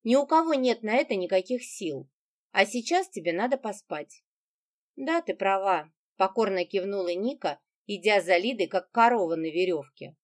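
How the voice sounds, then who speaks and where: Female audiobook narrator, middle pitch, animates the dialogue. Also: normal speed. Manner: reads dialogue with lively shifts in pitch.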